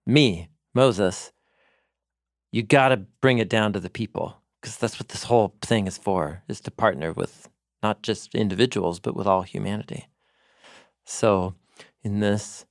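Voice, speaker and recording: Low-voiced man explaining in a dry studio. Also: no echo. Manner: thoughtful, explains with paraphrased dialogue. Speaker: podcast co-host, teacher. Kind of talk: casual theological discussion.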